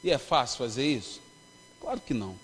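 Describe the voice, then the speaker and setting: A man's voice: mid-range voice, wildly swooping pitch, fairly quick, breathy edge. A man with a Brazilian accent preaching a sermon, telling a personal story and calling the congregation brothers. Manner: storytelling, emphatic, calls the congregation "irmãos". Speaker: pastor. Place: church hall at a youth congress. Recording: long reverb of a church hall.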